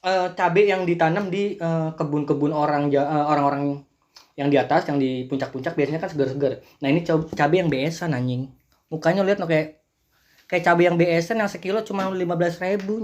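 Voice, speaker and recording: A man's voice: fairly high pitch, normal speed, darkish tone. A man hosting a reaction video, ranting casually and swearing a lot as he mocks clips. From Central Java, Indonesia. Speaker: host of a reaction channel.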